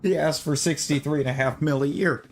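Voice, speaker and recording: A man's voice: a little high, steady tone, fairly quick. A man streaming a video game, chatting casually with viewers and giving his opinions in a rambling, loose way. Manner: opinionated, talks to chat viewers; rambling with restarts and fillers. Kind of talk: casual chat while gaming.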